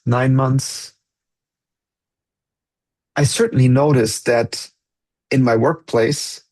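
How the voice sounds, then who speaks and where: Husky guy hosting a podcast, earnest and searching for words, normal pitch. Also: a little mellow. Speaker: podcast host. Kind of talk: reflective podcast conversation.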